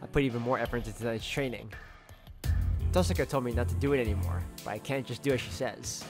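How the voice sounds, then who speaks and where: A man's voice: mid-range voice, fast talker, music in the background. A man reading first-person story narration aloud from a visual novel. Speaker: reader of a visual novel playthrough.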